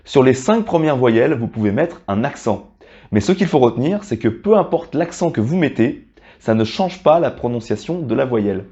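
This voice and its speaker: A man calmly explaining pronunciation rules to learners, slowing down on the example words. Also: medium pitch, lo-fi sound. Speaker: French teacher.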